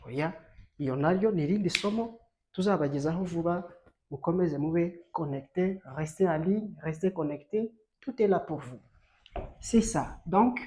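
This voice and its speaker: A woman from Rwanda teaching a bilingual French lesson, slow and emphatic, stressing each letter she spells out. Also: medium pitch, dark tone.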